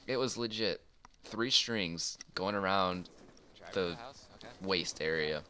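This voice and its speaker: Slow and low-voiced with a sharp tone, a young man tells a personal story in a gaming video, rambling in a crude, amused, offhand way. There's faint noise in the background.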